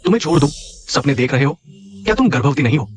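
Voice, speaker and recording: An actor dubbing a jealous, cruel ex-lover who taunts and threatens. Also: male voice, medium pitch, lively intonation, quick pace, music in the background, natural voice. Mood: menacing.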